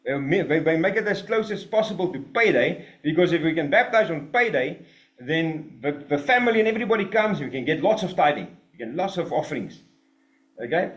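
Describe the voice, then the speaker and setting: Animated man preaching in a roomy space. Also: fairly high pitch, brisk. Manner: animated, emphatic, mocking asides. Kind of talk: sermon. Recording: roomy echo.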